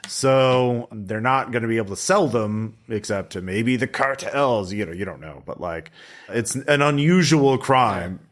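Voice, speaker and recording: A man narrating a tabletop role-playing game as game master, in a conversational, halting way that often repeats phrases. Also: medium pitch.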